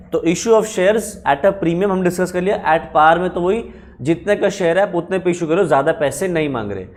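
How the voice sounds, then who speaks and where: A man's voice: sits high, normal speed, vocal fry. A man teaching accounting in a conversational classroom lecture, stopping often to quiz his students.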